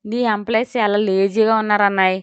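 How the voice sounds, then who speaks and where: A fierce, sharp-tongued young woman who snaps and scolds, read by a woman narrator. Smooth, clean voice in a dry, somewhat dull recording. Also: medium pitch, fairly even intonation, a little fast, no room sound, close to an everyday voice. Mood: snappy. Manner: snappy, scolding.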